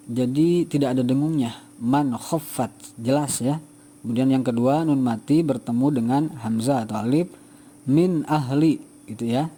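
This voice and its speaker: A male teacher giving a patient tajwid lesson to students, repeating each example slowly. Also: medium pitch, mellow.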